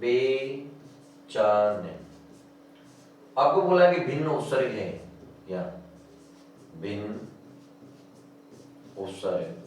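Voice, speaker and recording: Slow, echoey man teaching grammar. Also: medium pitch, big pitch swings, slight background noise. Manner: slow, drawn-out dictation of words. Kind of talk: exam coaching lecture. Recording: echoey room, distant mic.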